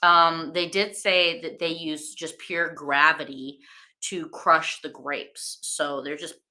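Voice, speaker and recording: Bright-voiced chatty woman wine host. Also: deep voice, steady tone, slow pace. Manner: chatty and rambling, many fillers; enthusiastic. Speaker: wine-tasting livestream host. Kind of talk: casual chat while tasting wine.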